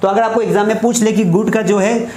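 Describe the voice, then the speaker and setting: A male teacher giving a casual grammar lesson, explaining slowly and repeating key words as quiz questions. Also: sits high, steady tone, darkish tone. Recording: echoey room, faint background noise.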